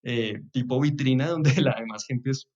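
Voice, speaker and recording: A man's voice: medium pitch, moderate pace. Thoughtful Bogotá man, slightly muffled sound. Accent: Bogotá Colombian Spanish. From Bogotá, Colombia. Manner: reflective, chuckles often, trails off with soft asides. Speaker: podcast guest. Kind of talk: casual chat.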